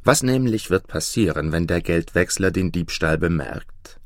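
Stern old vagabond mentor, slow and deep, dry sound, voiced by a man narrator. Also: animated, no room sound. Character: stern old male vagabond master thief.

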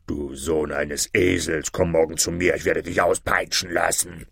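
A cruel bandit chief gives orders slowly in a low, harsh voice. A man voices him in a fairy-tale reading. The sound is close and dry. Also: level tone, gravelly, breathy edge, dry recording, exaggerated voice. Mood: menacing. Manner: harsh and commanding.

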